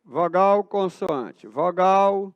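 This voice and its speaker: A man's voice: sits high, animated, drawn-out words, clear, resonant tone, no echo, dull audio. A Brazilian man teaching a math class in a school auditorium, asking his students questions and answering them himself. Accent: Brazilian Portuguese.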